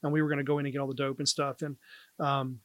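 A man's voice: medium pitch, fast, dry recording. Man telling a story on a podcast, dry close mic. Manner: relaxed anecdote teller, lots of "like" and "um". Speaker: first responder guest.

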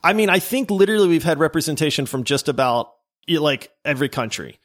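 A man's voice: on the high side, quick pace, a bit bright. A man co-hosting a casual gaming podcast, enthusiastic and stumbling over restarts as he reads listener reviews. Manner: enthusiastic, trips over names, restarts often. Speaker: podcast co-host.

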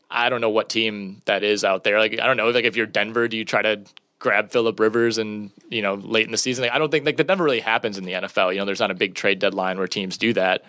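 A man's voice: fairly low pitch, pushed and bright, dry recording, clean studio sound. A man co-hosting a sports podcast, chatting casually and rambling with lots of fillers. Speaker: podcast co-host.

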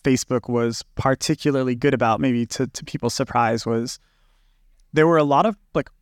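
A man's voice: mid-range voice, moderate pace, no room sound. Reflective man, talking loosely in a dry close recording. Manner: reflective, loose, with frequent fillers and restarts. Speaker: guest, research consultant. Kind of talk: casual podcast conversation.

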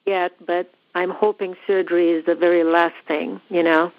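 A woman comes through as a radio show caller on a thin, phone-like line. Her voice sits a little low, and she answers politely and hopefully in short replies. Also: flat delivery, moderate pace. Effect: radio show caller heard over a phone line. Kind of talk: casual call-in conversation.

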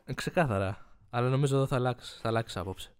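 A man co-hosting a casual podcast, with a smooth, resonant voice and a calm, teasing, unbothered way of talking. His pitch sits in an ordinary middle range for a man. He moves easily between chatting and reading listener stories aloud. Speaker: podcast co-host.

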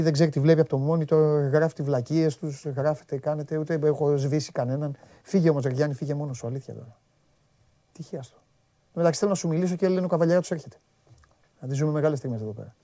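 A man's voice: fairly high pitch, mellow, no echo. A man hosting a live sports talk show, scolding his viewers in an exasperated, repetitive way. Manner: scolding, exasperated, repeats himself when worked up. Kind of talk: heated live sports chat.

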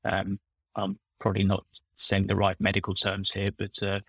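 A middle-aged man with a low, gravelly voice talks loosely through his story as a podcast guest. He wanders and restarts his sentences, and the close sound has little room echo. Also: monotone, normal speed, fairly bright tone. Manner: rambling, self-correcting storyteller. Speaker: guest, former recruiter turned coach. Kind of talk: casual podcast conversation.

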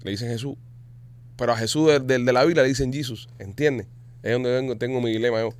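A man's voice: medium pitch, steady tone, fast talker, clean tone. A man hosting a casual podcast chat, puzzling things out aloud and repeating himself as he goes.

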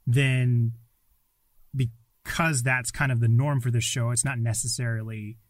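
A man's voice: medium pitch, steady tone, unhurried, dry recording. A man co-hosting a casual podcast, chatting informally from a small closet. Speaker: podcast co-host.

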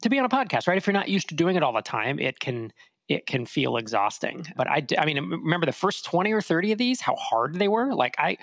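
Gravelly-voiced male podcast host, chatty. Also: fairly high pitch, fast, no echo. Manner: chatty, laughs often, animated storytelling. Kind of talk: casual podcast chat.

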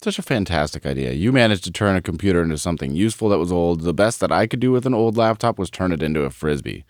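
A man's voice: low voice, fast talker, no echo, clean studio sound. A man hosting a podcast interview, reading a scripted intro and then joking in a self-deprecating way. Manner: jokey, self-deprecating, animated. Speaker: podcast host.

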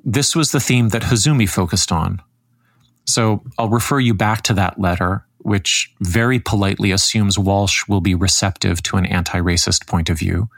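A man hosting a podcast, reading scripted commentary in a measured, critical way. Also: lowish voice, fairly even intonation, vocal fry, dry recording. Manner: measured, critical, reads quotes aloud. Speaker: podcast host.

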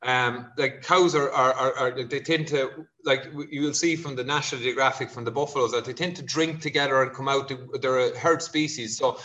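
A man's voice: mid-range voice, fairly even intonation, fairly quick, hardly any pauses, sharp tone. A man from Kerry with a west of Ireland accent, explaining things conversationally as an expert vet, with informal asides. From County Kerry, Ireland.

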